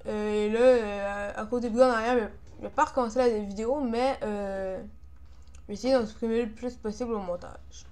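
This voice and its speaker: A young woman with a Quebec French accent comments casually over her own gameplay. Her voice sits a little high. She sounds frustrated, grumbling and swearing about how the game is going. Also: steady tone, brisk, a little mellow. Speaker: gamer, video creator.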